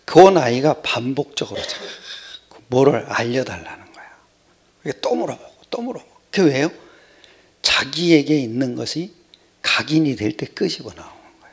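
An older male preacher delivers a sermon in a rough, gravelly, somewhat husky voice that sits a little high for a man and rises and falls dramatically. His rambling, conversational style swings between loud exclamations and hushed, whispered asides.

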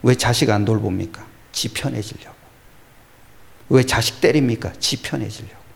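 A pastor preaches a sermon, swinging between loud exclamations and hushed whispers while answering his own rhetorical questions. His gravelly voice is mid-range and moves at a normal speed.

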